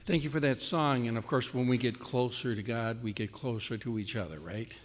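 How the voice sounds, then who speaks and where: A man announcing the next piece at a church service, halting and full of fillers. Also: mid-range voice. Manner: halting, with many fillers and restarts. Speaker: program announcer. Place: church hall. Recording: long hall reverb.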